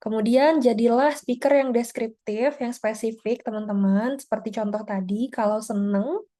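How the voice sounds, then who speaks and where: A woman teaches an online speaking-test class over a video call. Her voice sits a little high with a warm, mellow tone. She explains step by step in a relaxed, chatty way, tagging her points with small filler words. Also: moderate pace. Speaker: IELTS teacher.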